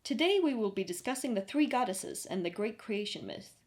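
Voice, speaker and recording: A woman's voice: a little high, lively intonation, fairly quick, a little mellow, voice pushed up, lightly acted. A woman voicing a stern older witch who teaches her young relatives in a dry, teacherly way.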